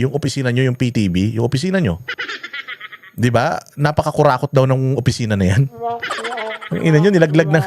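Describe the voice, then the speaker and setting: A man reacting to the news in a fiery, sarcastic rant, his pitch swinging wildly up and down. He swears freely and hammers at his target with one rhetorical question after another. Steady background noise runs under his voice. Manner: angry, mocking, swears often, rhetorical questions. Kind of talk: heated casual commentary. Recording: noisy background.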